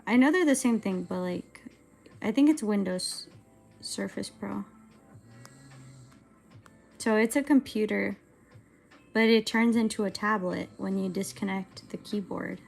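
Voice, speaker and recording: A woman's voice: mid-range voice, unhurried, gravelly, pauses often, soft background music. A woman in her twenties chatting casually on a livestream while she animates, rambling and hesitant, with lots of filler words. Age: 20s. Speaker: streamer and animator.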